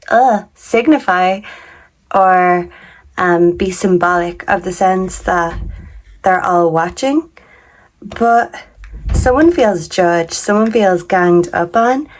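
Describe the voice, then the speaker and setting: Slow-talking woman with a sick, deep voice. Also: darkish tone. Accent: Canadian. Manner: slow, halting, stumbles over words. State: sick, voice deeper than usual. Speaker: tarot reader. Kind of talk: casual tarot reading.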